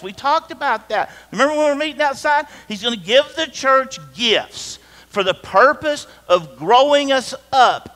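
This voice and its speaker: High, bright-voiced pastor preaching in a hall. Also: male voice. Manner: conversational, jokey, talks to the congregation directly. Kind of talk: sermon. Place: church sanctuary. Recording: reverberant church hall.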